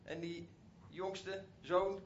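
A man with a high voice retells a Bible story in a relaxed, conversational way, often turning to his listeners directly. The recording is a bit dull, with a faint hiss behind him. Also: very slow. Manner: conversational, with frequent asides to listeners.

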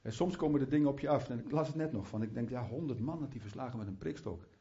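Delivering a sermon at a quick clip, this man has a mellow, mid-range voice. His preaching is fervent yet conversational, full of chatty digressions and restarts, and it frequently lifts into heartfelt prayer, all captured in muffled, lo-fi sound.

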